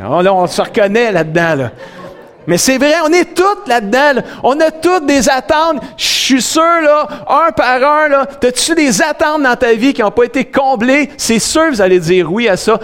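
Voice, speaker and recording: Middle-aged Québécois male pastor, high voice, lively preacher swinging loud to soft. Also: clear, resonant tone. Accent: Québécois French. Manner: fills with "là", talks directly to the congregation. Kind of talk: sermon.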